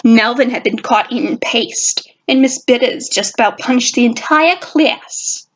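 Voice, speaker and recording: A woman's voice: on the high side, a little slow, slightly rough, poor audio. A woman narrating her fan fiction in a put-on jazzy girl voice. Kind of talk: fan fiction audio reading.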